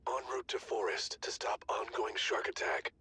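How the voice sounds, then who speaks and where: An actor playing a terse male neighborhood-watch dispatcher, speaking in a hushed, breathy voice over a walkie-talkie and ending each turn with "over". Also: medium pitch, moderate pace, no room sound. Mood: clipped procedural. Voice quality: hushed, breathy radio talk. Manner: clipped radio procedure, ends turns with "over". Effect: heard over a walkie-talkie radio.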